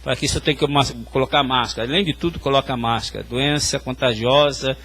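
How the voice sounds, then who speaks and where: A man's voice: medium pitch, brisk, fairly bright tone. A male pastor preaching a sermon, telling stories and speaking directly to the congregation. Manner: tells hospital stories, addressing the congregation directly.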